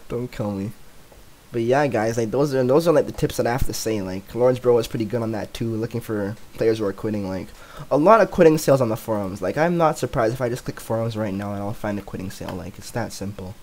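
A man's voice: on the low side, expressive, fast talker, a little mellow, poor audio. Laid-back young man rambling about gaming. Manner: filler-heavy rambling, "like" everywhere; chuckles often. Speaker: gaming YouTuber. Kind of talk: casual gameplay commentary.

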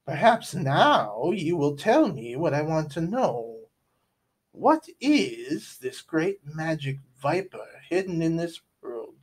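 A man voicing a villainous sorceress princess who speaks in slow, commanding threats. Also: on the high side, big pitch swings, breathy edge, voice pushed up, heavily acted. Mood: menacing.

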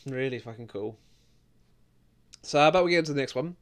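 A young British man giving casual, excitable reaction commentary on game trailers, swearing freely. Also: medium pitch, fast talker. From Britain. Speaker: gaming video host.

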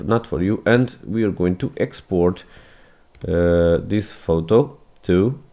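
In a screen-recorded tutorial, a native Portuguese speaker explains a photo edit step by step. His voice is lowish and warm, and he sounds hesitant, often halting and restarting phrases, with non-native phrasing throughout.

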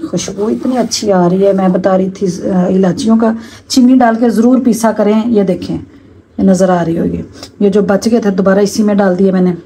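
A woman's voice: mid-range voice, dark tone, a little hiss or hum, poor audio. A middle-aged woman chatting homely to her viewers as she cooks in her home kitchen, filmed on a phone camera. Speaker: cooking vlogger. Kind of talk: casual cooking vlog narration.

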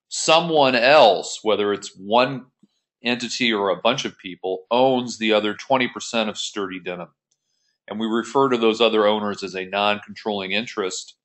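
His voice sits on the low side yet sounds fairly bright. He's an accounting instructor giving an explanatory screen-share tutorial in a methodical, informal manner.

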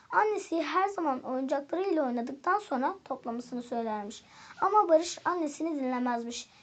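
A woman teacher reading a children's fairy tale aloud in calm, expressive storybook narration. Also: high-pitched.

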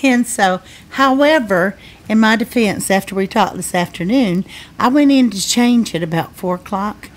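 A woman's voice: mid-range voice, normal speed. A woman co-hosting a podcast, chatting casually about a reality show with playful banter and rambling explanations. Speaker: podcast co-host. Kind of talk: casual recap chat.

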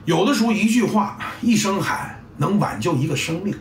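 In a roomy recording from a distant mic with faint ambience, a middle-aged football coach delivers a blunt, salty monologue. His high voice is expressive at a moderate pace, with a little hiss or hum, as he acts out sounds and scenes.

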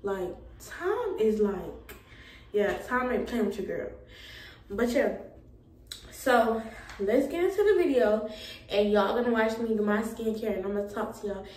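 A woman's voice: mid-range voice, lively intonation, moderate pace, darkish tone, echoey room, recorded from a distance, low-quality recording. A young woman vlogging at home in a casual, chatty way, tired and a little out of breath. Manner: laid-back, chatty, Southern US slang. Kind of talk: casual chat to camera.

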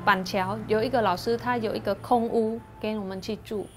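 A woman in her thirties from Cambodia, a university student, speaking softly and reflectively in a documentary interview. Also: medium pitch, steady tone. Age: 30s. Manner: soft, reflective, halting. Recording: clean documentary audio with music underneath. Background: soft background music.

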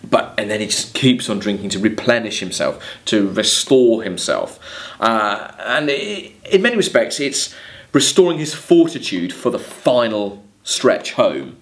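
An English-accented man in his thirties, with a lowish, animated voice and a measured pace, gives a literature lecture. He sits at a desk in a small plain room, reading verse and explaining it in tentative, exploratory phrases.

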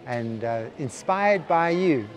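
A man in his sixties from South Africa, chatting in a relaxed, friendly way in a street interview. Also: on the high side, slow pace. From Durban, South Africa. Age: 60s. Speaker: pilgrim interviewee. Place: city street outdoors.

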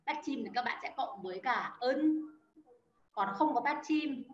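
Over echoey, dull lo-fi audio with faint noise, a female teacher leads an online beginner language lesson, walking through each step and addressing students by name. Her voice is a little high and animated, and she speaks a little slowly.

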